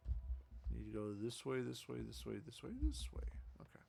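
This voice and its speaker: A man's voice: mid-range voice, fairly even intonation, moderate pace, creaky, mellow, a little hiss or hum. A man streaming a video game, chatting casually and rambling to himself as he plays. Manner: rambling, self-talking, chatty with fillers. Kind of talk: casual gameplay commentary.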